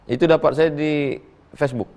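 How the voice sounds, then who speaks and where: This is a comic Q&A sermon from a middle-aged male preacher who responds to listeners with down-home humor and animated anecdotes. His pitch sits fairly high and his pace is normal.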